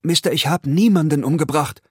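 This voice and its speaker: A man voicing a frightened young laborer in an audiobook, with a high, cracking and slightly hoarse voice. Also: a little fast, no echo, studio quality. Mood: panicked. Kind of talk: audiobook reading.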